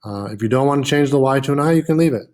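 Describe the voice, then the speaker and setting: A man's voice: mid-range voice, very fast, a little mellow. A man teaching a French lesson, patiently repeating words with frequent "uh" fillers. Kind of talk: classroom lesson.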